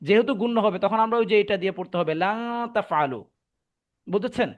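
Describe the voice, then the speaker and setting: A man's voice: high-pitched, very fast, narrow, tinny audio. A man teaching Quran recitation in an online class, patiently repeating points and checking that students understand. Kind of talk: online tajweed class explanation.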